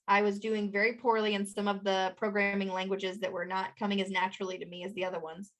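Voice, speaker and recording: A woman guest in an interview, telling stories in a lively way and acting out the people she quotes. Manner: animated storyteller, acts out quotes in a higher voice. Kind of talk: conversational interview.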